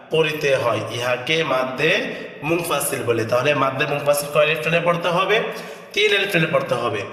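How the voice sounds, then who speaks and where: A man teaching Quran reading, spelling out letters and explaining the rules, then slowly chanting the words in a drawn-out sung style. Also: fairly high pitch, bright, forceful tone, distant mic. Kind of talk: step-by-step tajweed lesson with chanted recitation. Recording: echoey hall, voice from afar.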